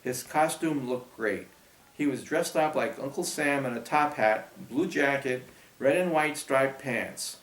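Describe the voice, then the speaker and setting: A man narrating a children's audiobook in a steady storytelling manner. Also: medium pitch, measured pace. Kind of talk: scripted narration. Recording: roomy echo.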